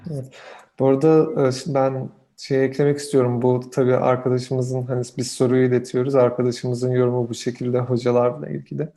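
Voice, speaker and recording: A male host reads viewer questions in a polite, measured way. His voice is mellow and warm, and his intonation stays very flat. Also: mid-range voice. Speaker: interview host.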